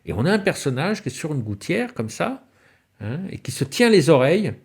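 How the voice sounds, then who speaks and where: Here the lecturer sounds a little high and sing-song at normal speed, with vocal fry and a darkish, slightly rough tone. He tells stories in his spiritual talk on alchemy and symbolism, asking rhetorical questions as his voice suddenly rises and falls.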